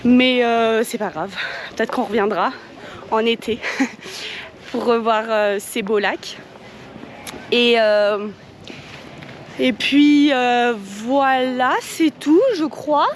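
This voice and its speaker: A woman's voice: on the high side, takes it slowly, pauses often, a little hiss or hum. A woman vlogging about her travels in a casual, rambling way, hesitating often and giggling between sentences. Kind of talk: casual travel vlog narration.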